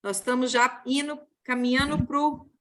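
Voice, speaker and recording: A woman with a Brazilian Portuguese accent leading an online support group, explaining gently and calling on participants over a video call. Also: high-pitched, steady tone, moderate pace, a crowd in the background. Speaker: group facilitator.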